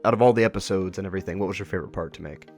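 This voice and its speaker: With a deep voice and rapid-fire delivery, a man hosts a casual interview about a web horror series. He asks inquisitive, encouraging questions while music plays underneath.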